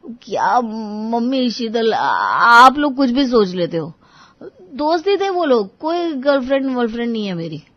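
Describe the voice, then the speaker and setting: A woman's voice: on the high side, very animated, measured pace, no room sound. Woman voicing a jumpy young man dodging marriage talk, defensive, lo-fi. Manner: defensive, joking, dodging questions.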